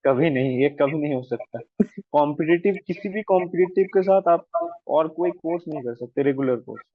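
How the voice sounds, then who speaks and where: A man's voice: a little high, moderate pace, no room sound. A young man, a medical student, answering interview questions hesitantly, with many fillers and restarts. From India. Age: young adult. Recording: dry, phone-like audio.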